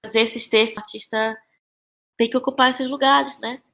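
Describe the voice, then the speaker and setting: This podcast guest, a Brazilian playwright and actress, has a slightly high, creaky and somewhat bright voice with fairly even intonation and a moderate pace. Speaking with a Brazilian Portuguese accent, she is relaxed and reflective, often repeating phrases as she finds her way.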